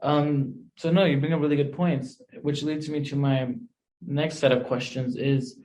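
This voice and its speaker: A man's voice: on the high side, steady tone, a little slow, a little mellow, poor audio. A young man hosting a podcast interview, affirming his guest and asking long questions. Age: young adult. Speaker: podcast host.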